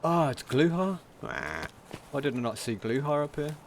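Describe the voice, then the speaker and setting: A man streaming a game, talking through it in a casual, monotone commentary. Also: fairly high pitch, normal speed, a little hiss or hum.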